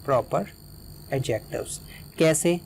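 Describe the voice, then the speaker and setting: A man teaching an English grammar lesson in Hindi, who explains patiently and dictates English example sentences slowly, word by word. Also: mid-range voice, creaky, a little mellow, slight background noise, rough recording.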